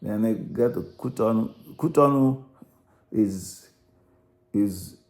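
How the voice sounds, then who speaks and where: A man's voice: lowish voice, takes it slowly, darkish tone. A man with a Nigerian accent, talking through a route in loose, rambling commentary, often restarting and repeating words. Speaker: narrator analysing a song. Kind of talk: unscripted spoken commentary.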